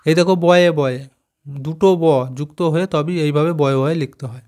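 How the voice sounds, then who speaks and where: A man's voice: on the high side, a little mellow. A man teaching young children from a schoolbook, spelling words out letter by letter and asking them questions as he goes. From West Bengal, India. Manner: slow, careful spelling out of letters, asks pupils questions. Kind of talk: explaining a primary school textbook.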